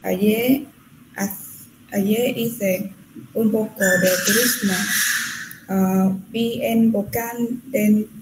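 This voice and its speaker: A woman's voice: medium pitch, fairly even intonation. A woman student reading a text aloud in class, hesitant and correcting herself. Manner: hesitant, halting, self-correcting. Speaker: language student. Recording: echoey room with faint noise.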